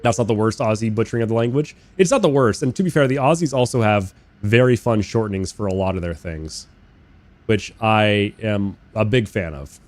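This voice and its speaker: A young game streamer living in Australia live-streams a flight sim, chatting casually and rambling in a fairly low, brisk voice. He swears freely, talks to his chat, and bursts into loud, incredulous rants.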